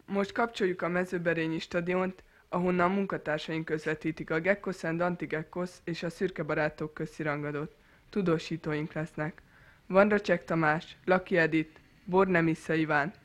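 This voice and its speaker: A man's voice: a little high, a bit bright, close to an everyday voice. A man playing a formal radio announcer introducing a sports broadcast.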